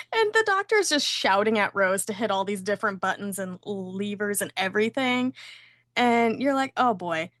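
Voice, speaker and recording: A woman's voice: medium pitch, expressive, moderate pace, a bit bright, no echo. Woman host, gushing and playful recapper, dry close-miked voice. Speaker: podcast host. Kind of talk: casual episode recap.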